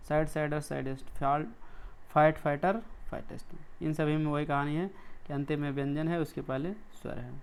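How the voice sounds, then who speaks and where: A man's voice: a little high, vocal fry, a little mellow, clear, resonant tone. A man with an Indian accent teaching an English grammar lesson, explaining step by step and often checking in with his students.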